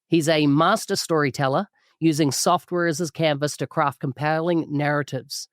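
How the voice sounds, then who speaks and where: This is a male podcast host from New Zealand conducting an interview, sounding enthusiastic and full of praise. His voice is a little high, with a steady tone and normal speed, recorded cleanly in a studio with no echo.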